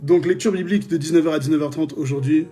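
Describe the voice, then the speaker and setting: Lively man preaching over faint music. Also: a little high, fast. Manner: lively, exclamatory, jokes and laughs with viewers. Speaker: preacher leading a live prayer stream. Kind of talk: live-streamed sermon and testimony reading.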